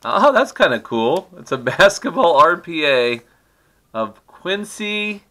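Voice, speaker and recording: This is the host of a card-opening channel, a middle-aged man ripping trading card packs at his home desk while he teases and chats casually. His fairly high voice swings widely in pitch and has a sharp edge, and he takes things slowly. The commentary is loose and talkative, full of laughter.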